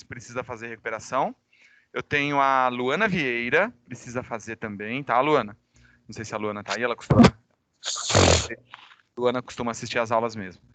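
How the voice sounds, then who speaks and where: A Brazilian high school teacher recovering from a cold gives informal online class announcements, speaking directly to his students. Recorded on a microphone with no room sound, his voice has a sharp tone.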